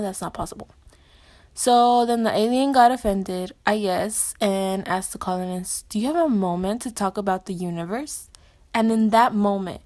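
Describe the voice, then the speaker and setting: A woman's voice: medium pitch, darkish tone. A woman narrating a jokey homemade story in a sarcastic, playful way.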